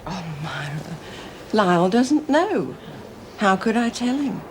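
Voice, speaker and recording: A woman's voice: medium pitch, big pitch swings, slow pace, darkish tone, slight background noise. An actress playing a resigned, self-sacrificing woman prisoner, hesitant and restrained, in a television drama. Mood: resigned, pained.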